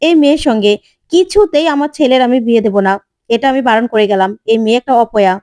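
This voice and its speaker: A woman voicing a superstitious middle-aged mother who flatly refuses a marriage. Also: a little high, fast talker, no echo, clean studio sound, close to an everyday voice. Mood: refusing.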